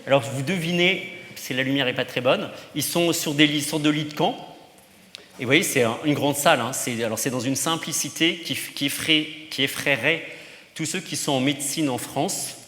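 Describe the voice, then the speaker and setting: A man's voice: medium pitch, moderate pace, pushed and bright. A male priest giving an informal teaching to teenagers, chatty, with many fillers and asides. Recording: roomy hall with long reverb.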